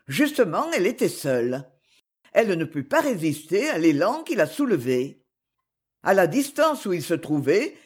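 A narrator giving an expressive, lyrical audiobook reading. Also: mid-range voice, slightly rough.

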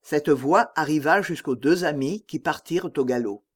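Man narrating an audiobook with steady drama. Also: a little high, normal speed. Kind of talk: scripted narration.

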